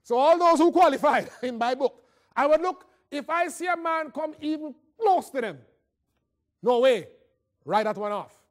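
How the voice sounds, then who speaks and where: Speaking at normal speed in an extremely high, expressive voice, a Caribbean-accented man gives a motivational talk. He performs humorous anecdotes from his own life, playing out the dialogue with conversational theatricality.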